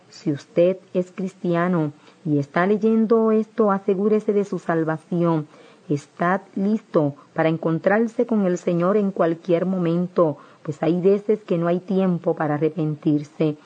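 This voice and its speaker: A woman's voice: on the low side, measured pace, dark tone, muffled recording. A woman earnestly narrating a religious testimony, pleading with her listeners.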